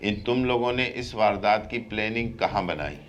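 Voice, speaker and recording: A man's voice: lowish voice, moderate pace, lo-fi sound, faint music behind. A man with a Pakistani Urdu accent, hosting a crime show and sternly questioning suspects, pressing and scolding them. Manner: scolding, pressing, rises sharply when angry. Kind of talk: stern interrogation.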